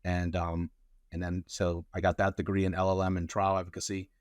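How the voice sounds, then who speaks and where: Man, deep low voice, rambling casual answers, lots of fillers, dry recording. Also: completely flat delivery, fairly quick, a little mellow, no room sound. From Colombia. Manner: rambling, many fillers and restarts. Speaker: immigration lawyer, guest.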